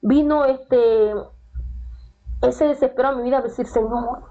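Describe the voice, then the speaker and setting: A woman telling her faith testimony in a relaxed, chatty way, often checking in with the listener with a quick "right?". Her voice sits fairly high. The sound is thin and narrow, like a phone line. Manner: storytelling, often asks "right?" as a tag. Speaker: guest sharing a testimony.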